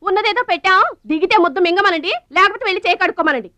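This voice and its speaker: A woman in a film, a sharp-tongued, scolding sister-in-law. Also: extremely high pitch, racing. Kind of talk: film dialogue.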